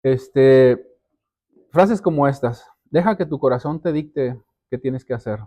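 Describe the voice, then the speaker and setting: A man's voice: medium pitch, takes it slowly, dark tone. A man preaching a sermon as pastor, speaking earnestly to the congregation and often repeating words as he builds a point. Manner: addresses listeners directly as brothers and sisters.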